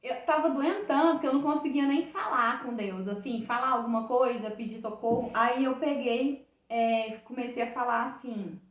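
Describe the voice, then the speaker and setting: A woman with a Brazilian Portuguese accent tells the women of her church a personal testimony in a heartfelt, circling way, full of restarts. Her voice sits a little high. It is recorded from a distance in a room with plenty of echo. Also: moderate pace, hardly any pauses. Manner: heartfelt, repetitive storytelling with many restarts. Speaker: church member giving a testimony.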